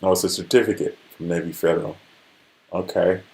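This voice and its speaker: Over a rough recording, a man in his forties hosts a livestream with a low, steady, slightly mellow voice at a fairly quick pace. He chats casually about motivation and keeps checking in with listeners.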